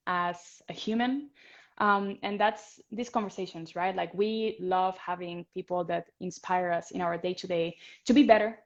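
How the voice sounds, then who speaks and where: A woman's voice: medium pitch, muffled recording. A woman hosting an interview, enthusiastic and hyping up her guest. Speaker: host. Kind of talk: casual interview.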